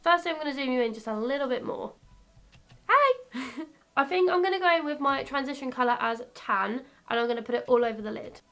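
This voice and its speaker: A bubbly 22-year-old woman chatting through a makeup tutorial, croaky from a coming cold, self-mocking and chatty. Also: high-pitched, fast talker, a bit bright. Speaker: beauty YouTuber. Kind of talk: casual makeup tutorial chat.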